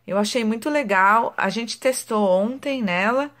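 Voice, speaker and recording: A woman's voice: a little high, unhurried, a bit bright. A woman, chatting casually to viewers in a home vlog as a mother, with frequent tag questions. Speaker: mother and vlogger.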